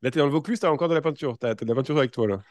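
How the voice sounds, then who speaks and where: A French man interviewing, talking fast in a loose, casual way with quick asides. His voice sits at a middle pitch and sounds dry and close, with no room around it. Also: no echo. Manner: quick, casual, informal, many filler acknowledgements. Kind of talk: conversational interview.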